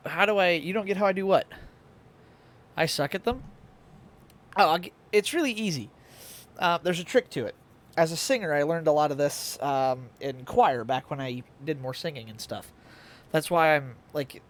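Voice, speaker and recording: His voice is a little high and a bit bright. The young man is streaming live in a relaxed, playful chat, hiccuping and toying with his voice across octaves.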